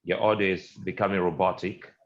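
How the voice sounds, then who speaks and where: A deep-voiced man moderates an online panel, asking quick, pointed questions between speakers. His voice comes through a video call with a low sample rate, so it sounds dull and muffled. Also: little pitch movement.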